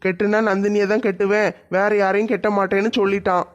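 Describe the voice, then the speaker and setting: A village headman, voiced by a performer speaks firmly, scolding and reassuring in turn. His voice sits at a middle pitch, and the recording sounds dull and lo-fi. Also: flat delivery, quick pace, close to an everyday voice. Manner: commanding, scolding then reassuring. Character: stern but kind village headman, older man.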